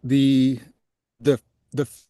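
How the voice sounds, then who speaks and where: A man's voice: mid-range voice, little pitch movement, warm tone, no room sound. A male commissioner speaking over a video call whose audio freezes and stutters, so his words break and repeat. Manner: halting, repeats words as the connection cuts out. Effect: choppy video-call audio that freezes and stutters. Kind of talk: public meeting discussion. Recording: distant, glitchy video-call line.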